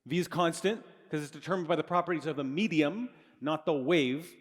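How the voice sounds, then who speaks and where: A middle-aged man with a voice on the high side speaks briskly in a live physics lecture to students, using a handheld mic in a large hall with long reverb. His explanations are casual, and he corrects himself as he goes.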